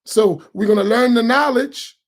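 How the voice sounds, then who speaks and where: A man's voice: very high-pitched, normal speed. A man, an imam, talking casually and animatedly on a live roundtable stream, joking and preaching in slangy everyday speech. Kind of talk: casual livestream talk.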